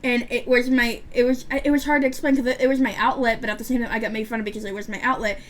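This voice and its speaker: A beauty vlogger around twenty talks fast while putting on makeup, her voice on the high side with little pitch movement. She rambles chattily, stutters and lisps, and often restarts or fills pauses.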